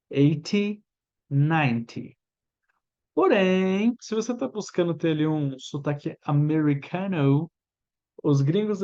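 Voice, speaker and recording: A Brazilian man in his thirties with a Brazilian Portuguese accent, an English teacher giving a chatty lesson and drilling pronunciation with slow repeats. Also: fairly high pitch, darkish tone, muffled recording. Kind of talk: informal language lesson.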